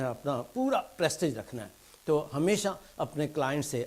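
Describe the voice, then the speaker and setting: Man telling jokes on stage. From England. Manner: storytelling in Urdu mixed with English punchlines; soft, low asides when quoting characters. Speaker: stand-up comedian. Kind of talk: stand-up joke telling.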